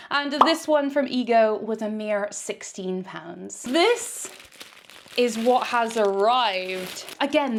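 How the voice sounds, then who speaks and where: A young British woman from the UK, a fashion vlogger chatting candidly through a try-on haul review with quick asides. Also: fairly high pitch.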